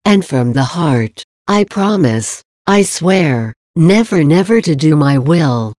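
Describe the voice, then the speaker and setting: A woman's voice: low voice, animated, slow pace, a little mellow, dry recording, clean studio sound. A woman reading the part of a devoted female soul who pledges herself in sorrow, fervent and pleading.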